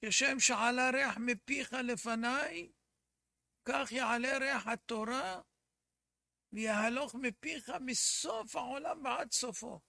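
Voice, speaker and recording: A man's voice: very high-pitched, gravelly, sharp tone, no echo, clean studio sound, exaggerated voice. A man voicing a revered elderly teacher who reassures his student, in a story told during a religious lesson. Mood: reassuring. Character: revered elderly male sage, kindly teacher.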